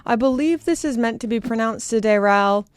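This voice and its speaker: A woman's voice: fairly high pitch, brisk, a little mellow, dry recording. Upbeat Canadian woman reviewing watches. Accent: Canadian English. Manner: chatty, self-deprecating, upbeat. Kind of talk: casual product review.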